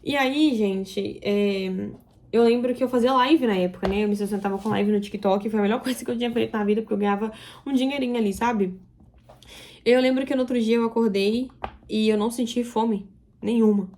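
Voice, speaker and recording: A woman's voice: fairly high pitch, steady tone, a little fast, darkish tone, a little hiss or hum. A young woman telling a personal story to her viewers in an emotional, confiding way. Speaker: vlogger. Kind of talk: confessional storytelling to camera.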